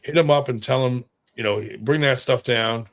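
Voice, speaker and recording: A man's voice: mid-range voice, moderate pace, a bit bright. A man telling stories in casual chat, rambling and swearing freely, with lots of fillers. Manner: rambling and profane, with many fillers.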